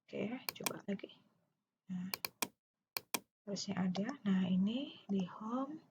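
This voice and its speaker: A woman giving a step-by-step software tutorial, thinking aloud haltingly and at times dictating words as she types. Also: medium pitch, expressive. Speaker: instructor. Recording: muffled lo-fi mic, clear background noise. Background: keyboard typing and mouse clicks.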